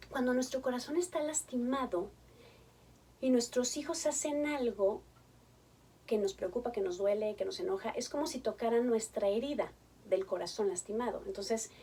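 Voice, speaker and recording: A family therapist with a fairly high, slightly breathy voice, recorded from a distance, gives a talk to parents. She tells stories from her practice in a warm storytelling manner, acting out the voices of the people she quotes.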